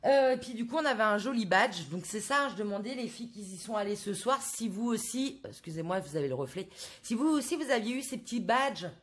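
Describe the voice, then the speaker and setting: A woman's voice: on the high side, lively intonation, fairly quick. A woman from France in a casual haul video, chatting to her viewers with many hesitant fillers. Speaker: craft vlogger.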